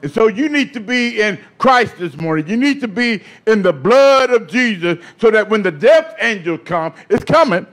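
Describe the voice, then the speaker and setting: A man preaching a sermon in call-and-response style, building from steady talk up to shouting. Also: high-pitched, moderate pace, hardly any pauses.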